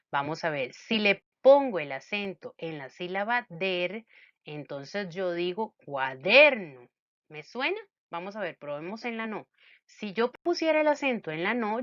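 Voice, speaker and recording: A woman teaches a grammar lesson with a lively, sing-song delivery, her pitch rising and falling a lot. She keeps the students involved with playful questions. The recording sounds muffled and dry. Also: no echo.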